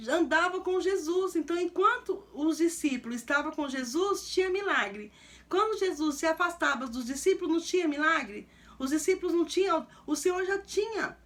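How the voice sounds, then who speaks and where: A woman's voice: sits high, a bit bright. A woman preaching a morning sermon, retelling scripture in vivid everyday speech and acting out its characters.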